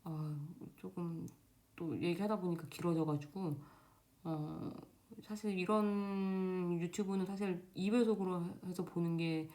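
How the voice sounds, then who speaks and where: Fast-talking woman, mellow voice. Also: on the low side, fairly even intonation. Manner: fast, loose delivery with many fillers and restarts. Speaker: Korean doctor in Germany giving exam advice. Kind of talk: casual unscripted vlog talk. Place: home, indoors. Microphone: camera facing speaker.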